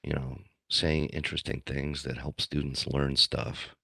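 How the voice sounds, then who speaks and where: A man moderating a panel over a video call, speaking in a relaxed way. His voice sits extremely low with a gravelly fry and a breathy huskiness. The sound is dry and close. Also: measured pace, dry recording. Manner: relaxed, joking about sounding like AM radio. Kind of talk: casual video-call chat. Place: room at home with a ceiling fan. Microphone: computer mic on a video call.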